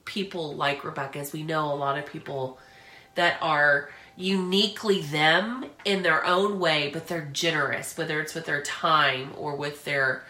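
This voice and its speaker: A woman co-hosting a casual podcast, effusive and quick to affirm. Her voice is bright and forceful. The recording has a noticeable room echo. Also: deep voice. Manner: effusive, affirming, bursts into excited squeals. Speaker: podcast co-host.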